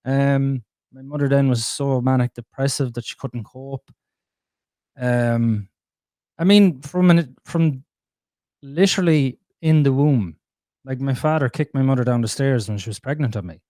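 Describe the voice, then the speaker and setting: A man telling his life story as a podcast guest, blunt and animated, swearing freely. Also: mid-range voice, unhurried, no room sound. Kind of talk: candid conversational storytelling.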